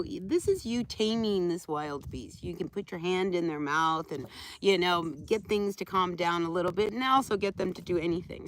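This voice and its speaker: A woman's voice: mid-range voice, fairly bright tone, slight background noise, rough recording. A woman giving a live tarot reading outdoors, talking to viewers in a conversational, familiar way. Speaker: tarot reader hosting a live stream.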